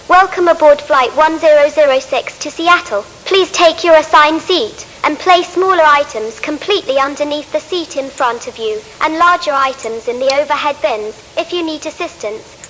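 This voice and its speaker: A woman's voice: high-pitched, moderate pace, few pauses. A woman speaking as a flight attendant, making a formal, courteous scripted cabin announcement. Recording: long reverb, steady hissing noise.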